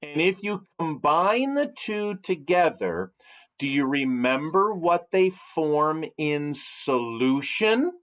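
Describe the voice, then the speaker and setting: A male science teacher giving a recorded chemistry lecture. He speaks slowly and carefully, and his pitch rises and falls a lot as he stresses key words. He keeps asking his students questions to help them remember. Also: sing-song, a bit bright. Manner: slow, deliberate, asks students questions.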